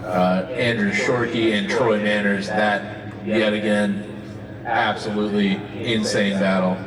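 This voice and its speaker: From an announcer booth at an outdoor race track, a man gives casual play-by-play commentary on drifting, his lowish voice steady and a little slow. The echoey audio sounds distant, as if from the tower, with a loud crowd and roaring car engines.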